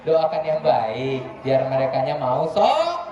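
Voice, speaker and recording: A man's voice: on the high side, huge pitch swings, noisy background. A man working as a children's storyteller and ventriloquist, speaking playfully and directly to the children. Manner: playful, addresses the children directly, slow and gravelly. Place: school hall with children. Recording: echoey, dull school hall with children. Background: crowd of children.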